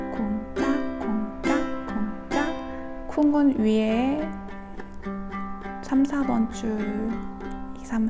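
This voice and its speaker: Slow, soft-spoken woman teaching ukulele. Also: fairly high pitch, creaky. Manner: slow, gentle, half-whispered counting. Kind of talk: soft-spoken music lesson. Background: ukulele playing.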